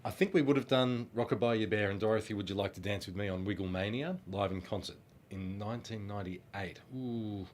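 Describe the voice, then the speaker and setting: With a slight hiss or hum underneath, this lowish male voice runs a little fast. He's a middle-aged Australian with a cold-stuffed nose, a former children's band singer who rambles amiably through fan questions, saying um a lot.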